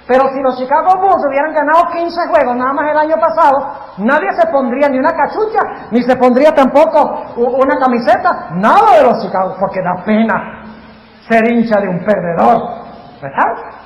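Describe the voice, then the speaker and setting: A male pastor preaching a sermon to a live audience in a large hall, animated and quizzing the crowd with questions. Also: very high voice, normal speed, lo-fi sound. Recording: echoey hall, faint noise.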